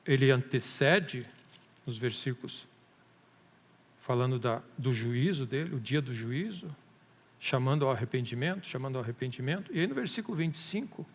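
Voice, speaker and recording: A man's voice: medium pitch, animated, normal speed. A male pastor preaching a sermon with a Brazilian Portuguese accent, building to emphatic rises and stretching key words. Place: church hall. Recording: long church-hall reverb.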